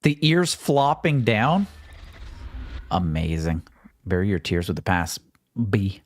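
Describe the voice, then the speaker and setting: A man's voice: low-pitched, very animated, slow pace, no room sound. A man streaming a video game, giving casual, joking commentary and swearing freely. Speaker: gaming livestreamer. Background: faint game music.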